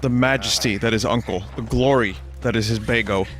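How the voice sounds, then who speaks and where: A man's voice: on the low side, a little fast. A man giving casual, joking commentary while streaming a game, often swearing. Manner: joking, profane, mock voices.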